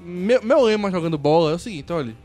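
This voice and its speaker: A man's voice: high-pitched, animated, fast talker, a little mellow, faint music behind. A man co-hosting a podcast, joking and teasing in slangy casual talk. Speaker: podcast co-host.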